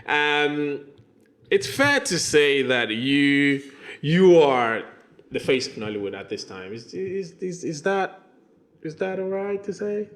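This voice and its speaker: A man hosting an interview show, opening with playful, animated hype and bouncy repetition. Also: fairly high pitch, takes it slowly. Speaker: podcast host. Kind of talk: energetic interview banter.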